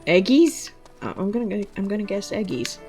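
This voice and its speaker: A woman streaming a game and chatting casually, often muttering quietly and swearing. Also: mid-range voice, big pitch swings, fairly quick, soft background music. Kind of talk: casual gameplay commentary.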